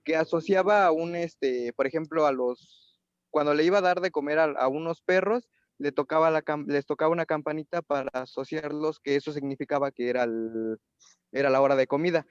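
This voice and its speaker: A young man with a Mexican accent asking his teacher a question in class, halting and rephrasing as he thinks. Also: a little high, clean tone, no room sound, highs cut off. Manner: halting, hesitant, rephrases while thinking aloud. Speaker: student.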